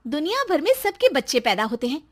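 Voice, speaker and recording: A woman voicing a bossy, sharp-tongued young wife who scolds loudly and mocks her husband. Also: high-pitched, big pitch swings, fairly quick, voice pushed up. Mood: scolding. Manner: loud, scolding, sarcastic. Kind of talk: storybook voice acting.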